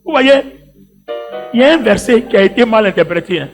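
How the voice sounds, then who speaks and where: A man preaching a sermon as an evangelist, moving from hushed asides to shouted exhortation and tagging his lines with "hein" and "là". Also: high voice, expressive, fairly quick, faint music behind. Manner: talks directly to the congregation with many "hein" and "là" tags.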